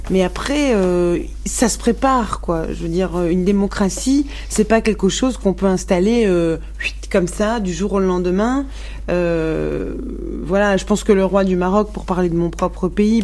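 A woman's voice: on the low side, a little mellow. A woman from Morocco, speaking frankly as a musician guest in a radio interview, with many restarts and fillers.

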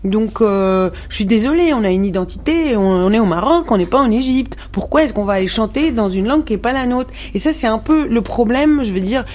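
A woman's voice: fairly high pitch, lively intonation, a little fast, few pauses, darkish tone. A woman from Morocco, speaking frankly as a musician guest in a radio interview, with many restarts and fillers.

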